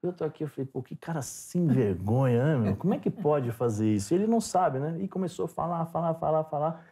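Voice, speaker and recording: A Brazilian former footballer, a guest on a podcast, telling stories in a relaxed chat and acting out the dialogue as he goes. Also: fairly high pitch, fairly quick, husky. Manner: animated storyteller, acts out dialogue. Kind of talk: casual storytelling interview.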